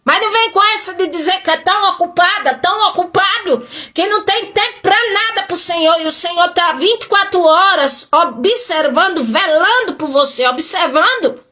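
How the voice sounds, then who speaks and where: A woman's voice: extremely high pitch, moderate pace, hardly any pauses, sharp tone. A woman pastor preaching a sermon, emphatic and full of rhetorical questions.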